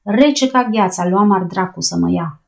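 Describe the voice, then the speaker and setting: Gruff old male boat captain, read by a woman, commanding, grumbling. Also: mid-range voice, a little mellow, natural voice. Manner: barking orders, grumbling.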